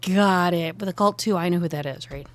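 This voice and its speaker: A woman's voice: on the low side, brisk. Sarcastic, blunt woman player. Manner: sarcastic, blunt, swears casually. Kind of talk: in-character tabletop role-play.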